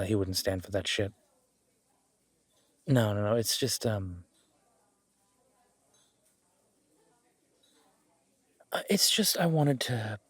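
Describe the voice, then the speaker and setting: A man with a husky, fairly low voice plays a charming, smitten mafia boss on a date in an intimate, conversational audio roleplay, teasing yet earnest. He starts teasing and casual, then turns nervous and earnest, with no room sound.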